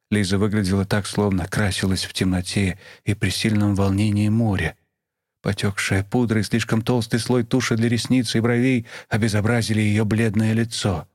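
A man reading a novel aloud as the narrator, at a measured, even pace and close to the microphone. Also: lowish voice, no echo. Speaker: audiobook narrator. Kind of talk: scripted narration.

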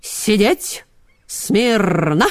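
A woman voicing a stern older male dog commander who speaks slowly and solemnly. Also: mid-range voice, animated, slight background noise.

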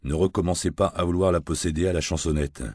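A man voicing a terse, gruff middle-aged private detective who answers in short, flat replies. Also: low voice, fast, no echo, studio quality. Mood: curt. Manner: curt, flat, clipped replies.

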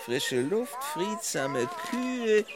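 An actor in a comic radio play as a genial, dithering country gentleman with a mannered, fussy politeness. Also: sits high, big pitch swings, drawn-out words, noisy background, full character voice. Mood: amused, fussy. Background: music behind.

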